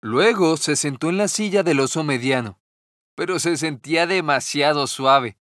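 A man narrating a children's fairy tale in a gentle, measured storytelling manner. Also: on the high side, no echo, clean studio sound.

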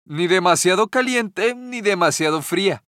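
A man voicing a curious, picky little girl in a raised, higher voice. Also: expressive, moderate pace, a bit bright, dry recording, clean studio sound. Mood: content.

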